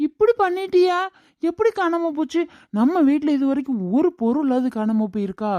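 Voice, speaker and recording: A woman's voice: high voice, moderate pace, warm tone, dry recording, lo-fi sound, natural voice. A woman voicing a stern middle-aged village father in a cartoon drama, questioning and scolding his family.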